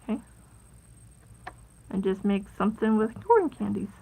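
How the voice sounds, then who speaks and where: A woman hosting a casual live crafting stream, chatty and rambling, with plenty of fillers and soft asides at her craft table. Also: medium pitch, big pitch swings, measured pace, creaky, slightly rough, low-quality recording. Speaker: crafting livestream host.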